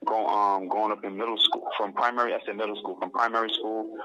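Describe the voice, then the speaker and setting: Young man from Barbados, interview guest, bright forceful voice, earnest, restarts his sentences. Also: on the low side, steady tone, a little fast, dull audio, a little hiss or hum. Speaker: guest calling in from prison. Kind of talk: casual phone interview.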